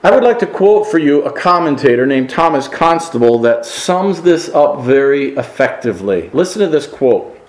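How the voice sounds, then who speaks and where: A man preaching a sermon, building to emphatic peaks and dropping to quiet asides. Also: medium pitch, very animated, normal speed, few pauses, echoey room, low-quality recording. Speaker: pastor.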